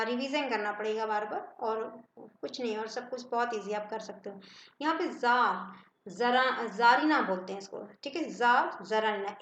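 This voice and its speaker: A woman's voice: on the high side, roomy sound, a little hiss or hum, poor audio. A woman with an Indian accent teaching an English grammar lesson, reading word pairs aloud and checking that students follow. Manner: reads word pairs aloud, checks understanding with short asides. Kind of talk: classroom lesson explaining word lists.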